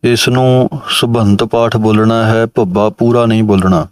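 A man teaching correct recitation of a sacred text, chanting each line slowly and then explaining how to pronounce it. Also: on the low side, level tone, no room sound. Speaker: Gurbani pronunciation teacher. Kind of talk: recitation lesson.

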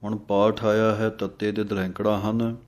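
A man teaching the correct pronunciation of a Sikh hymn, chanting each line slowly and then explaining it word by word. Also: fairly low pitch, little pitch movement, darkish tone. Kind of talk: slow recitation lesson with pronunciation notes.

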